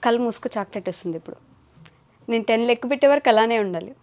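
A woman with a slightly raised pitch runs a casual, playful interview. She teases and jokes as she asks her questions, and laughs readily. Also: very fast, a little mellow. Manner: teasing, chatty, laughs often.

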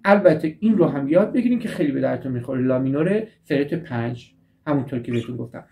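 A man's voice: mid-range voice, expressive, creaky, dark tone. A man teaching a guitar lesson, patiently walking through chord shapes and repeating each step. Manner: patient, repeats and restates steps. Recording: guitar playing behind the voice.

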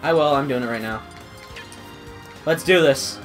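A man's voice: medium pitch, measured pace, fairly bright tone. A young man arguing and teasing while playing a fighting game with friends. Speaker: gamer. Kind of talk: casual gaming banter. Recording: game music behind voices.

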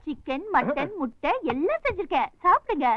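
An actress playing a young daughter in a film comedy, speaking gently. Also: female voice, high-pitched, sing-song, a little fast, no room sound. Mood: gentle. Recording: dull lo-fi film soundtrack.

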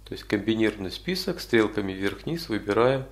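A man instructing in an informal software walkthrough, explaining step by step with some hesitant pauses. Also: lowish voice, lively intonation. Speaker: tutorial instructor.

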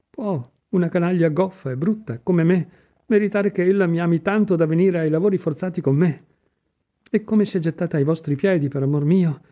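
A man voicing an excitable, impassioned young man in a storybook reading, pleading in exclamatory outbursts. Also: sits high, muffled recording.

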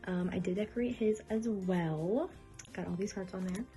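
A woman's voice: medium pitch, normal speed, warm tone. Chatty young woman counting cash. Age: 20s. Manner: chatty, counting bills aloud, easily flustered. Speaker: budgeting vlogger. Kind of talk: casual cash-stuffing vlog. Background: background music.

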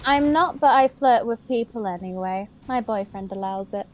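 A woman's voice: fairly high pitch, normal speed, very noisy. A British woman chatting and teasing on a voice call, laughing often. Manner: giggly and teasing. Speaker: voice call guest. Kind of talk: casual chat. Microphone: voice chat microphone.

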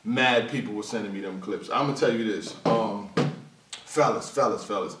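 Animated man riffing in a roomy space. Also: moderate pace, background noise. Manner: animated, slangy, jumps into high-pitched mimicry. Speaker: battle rap commentator. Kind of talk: casual commentary vlog. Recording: roomy echo, voice from a distance.

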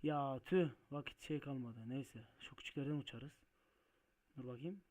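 Excitable man playing a truck game. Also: mid-range voice, normal speed. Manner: excitable, swears and shouts at mishaps; muttering to himself while driving. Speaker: gaming video host. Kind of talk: Let's Play commentary.

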